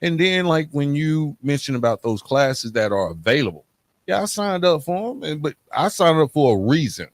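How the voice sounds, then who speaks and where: A middle-aged man with a fairly high voice and big pitch swings hosts a chatty podcast at normal speed. He's emphatic, often ending points with tag questions to confirm the listener is keeping up, and the sound is dry with no room.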